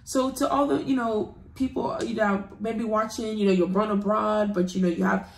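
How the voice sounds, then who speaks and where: A woman's voice: medium pitch, fairly even intonation, normal speed. A woman from the United Kingdom giving an earnest personal testimony, urging listeners with a preaching emphasis. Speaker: testimony guest. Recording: roomy echo.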